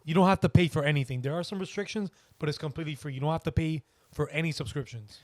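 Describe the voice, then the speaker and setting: A man's voice: a little high, fast talker, no room sound. Young guy in his twenties, kinda rambly and laid back, lots of ums, dry close mic. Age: young adult. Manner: easygoing, rambling, hesitant. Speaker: guest. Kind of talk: casual interview.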